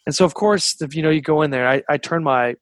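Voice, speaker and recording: A man's voice: on the high side, quick pace, no room sound. A man telling casual podcast stories in heavily profane, slangy, emphatic military talk. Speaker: former military staff sergeant telling stories.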